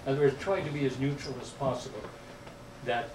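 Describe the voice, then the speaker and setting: A man in the audience making a hesitant comment at a public talk, with many pauses and fillers. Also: mid-range voice, fairly even intonation. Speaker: audience member asking a question. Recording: roomy hall sound from a distance, clear noise.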